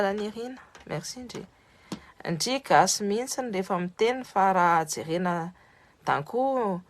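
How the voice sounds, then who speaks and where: A woman talking casually on a live stream, switching between French and Malagasy, greeting viewers by name and often restarting her words. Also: mid-range voice. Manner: lots of restarts and repeated words. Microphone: phone on a social live stream.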